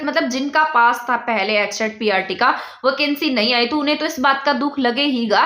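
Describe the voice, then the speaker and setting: A woman's voice: sits high, pushed and bright, echoey room. A young woman from India, teaching an exam-prep lesson and drilling points by asking and answering her own questions.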